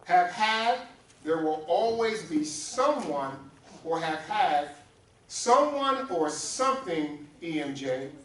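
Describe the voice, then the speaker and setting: Pastor, male, slightly high voice, slow deliberate preaching, roomy sanctuary sound picked up from a distance. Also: big pitch swings, fairly bright tone. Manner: call-and-response preaching, addressing congregants by name. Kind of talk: sermon. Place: church sanctuary. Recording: roomy echo, distant mic, faint hum.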